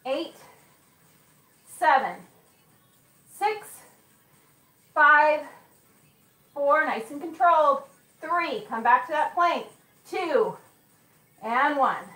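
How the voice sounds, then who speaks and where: Female gym instructor, high-pitched, slow encouraging cues, echoey room, off-mic. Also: lively intonation, a bit bright, recorded from a distance, soft background music. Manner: encouraging, counts reps aloud. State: occasional coughing. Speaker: fitness instructor. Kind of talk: live workout class coaching.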